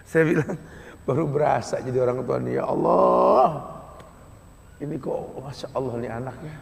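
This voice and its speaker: A man with a Betawi Jakarta accent preaching a storytelling sermon, dropping to soft hushed passages and rising to loud urging. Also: fairly high pitch, slow, creaky, pauses often. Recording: echoey hall reverb.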